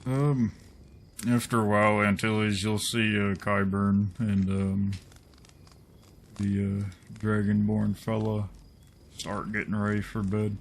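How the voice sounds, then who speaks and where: A man with a Southern US accent runs a tabletop game, narrating in a slow, unhurried drawl. His voice sits a little low. A faint hiss of background noise runs under the recording. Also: flat delivery, creaky. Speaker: game master.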